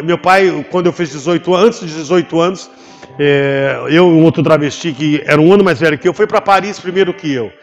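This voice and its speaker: A man with a Brazilian Portuguese accent, a pastor giving an animated testimony in church and acting out the voices in his story. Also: high voice. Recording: long hall reverb with faint music behind.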